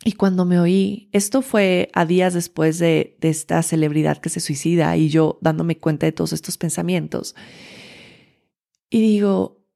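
A woman's voice: fairly low pitch, fairly even intonation, normal speed, vocal fry, warm tone. A woman, a podcast host and teacher, telling a personal story in an earnest, confiding way with many fillers and restarts.

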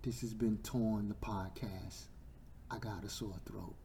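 A man preaching a sermon with a sore, hoarse throat. He talks with passion and drives each point home through repetition. He swings from shouting to near-whispers. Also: fairly low pitch, fairly even intonation, measured pace, soft background music. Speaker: preacher and podcast host.

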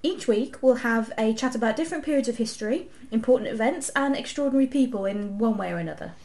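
A woman's voice: fairly high pitch, fast, warm tone. A woman co-hosting a casual history podcast, explaining at length and correcting her co-host.

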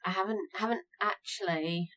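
A woman's voice: mid-range voice, steady tone, moderate pace, a bit bright, low-quality recording. A woman co-hosting a podcast in casual chat, with a blunt, jokey way of talking. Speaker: podcast co-host. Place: small booth, sharing a room with co-host.

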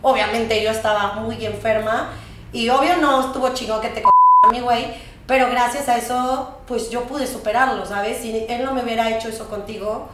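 A young woman with a Mexican accent spins a slang-heavy story in casual chat. Her voice sits a little high and comes from a distance, in a very echoey room with faint noise underneath. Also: normal speed. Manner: animated storytelling full of slang. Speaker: podcast panelist.

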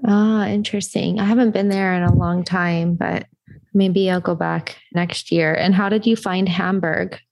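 A woman's voice: lowish voice, fairly even intonation, moderate pace, gravelly, a little mellow. An American woman hosting an interview, asking friendly, chatty follow-up questions. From United States. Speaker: host. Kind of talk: casual interview.

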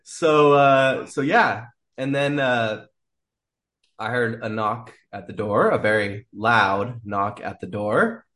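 As a podcast guest, a man with a mid-range, slightly bright voice tells a wild story at a slow pace. His casual storytelling rambles, full of frequent laughter and free swearing.

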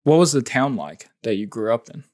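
A man narrating and asking interview questions in a measured, reflective way. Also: mid-range voice, very animated, a little mellow.

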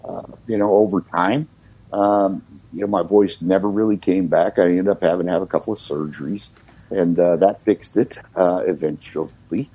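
At a normal speed, the older singer-songwriter from the United States shares his story as a guest, calm and thoughtful, with many "you know"s. His low voice is slightly rough, and the audio is lo-fi.

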